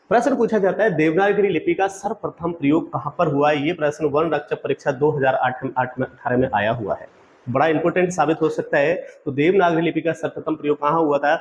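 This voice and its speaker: Man, fairly high voice, quiz-style lecture, asks then repeats answers, dull lo-fi sound, faint background hum. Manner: calls the audience friends. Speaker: exam-prep teacher.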